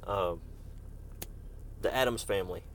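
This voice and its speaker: A man's voice: sits low, measured pace, gravelly, fairly bright tone, slight background noise. A man giving casual live-stream commentary while playing a game, chatting with viewers by name and breaking off now and then to cough. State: coughing fits. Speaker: gaming streamer.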